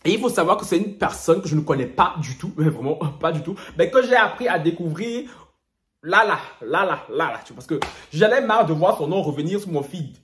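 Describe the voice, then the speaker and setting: A man hosting a gossip vlog, dramatic and chatty, with sing-song catchphrases and his own laughter running through the talk. His voice sits a little high and swoops all over the place. The room gives it a noticeable echo. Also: expressive, fairly quick, fairly bright tone. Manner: theatrical, sing-song asides and repeated catchphrases. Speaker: YouTuber.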